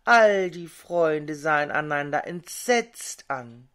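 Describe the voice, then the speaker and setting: An older woman reading a fairy tale aloud, in an expressive and measured way, as the host. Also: low-pitched. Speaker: storyteller.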